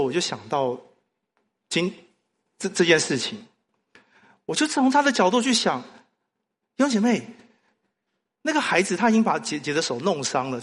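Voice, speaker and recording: Animated pastor in a hall. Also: male voice, high voice. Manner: animated storytelling with rhetorical questions. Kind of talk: sermon. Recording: long hall reverb.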